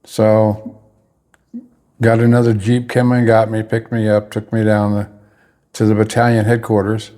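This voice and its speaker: A man's voice: on the low side, completely flat delivery, measured pace, pauses often, mellow. A man telling a personal story in a casual, rambling way, often stopping to correct himself mid-sentence. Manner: rambling, with restarts and self-corrections.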